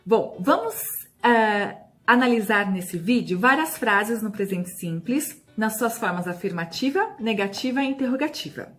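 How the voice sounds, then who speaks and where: A woman with a Brazilian Portuguese accent teaching English grammar, slowing right down to model the English phrases and checking in often with short asides to the viewer. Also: medium pitch, animated. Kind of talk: explaining a grammar lesson.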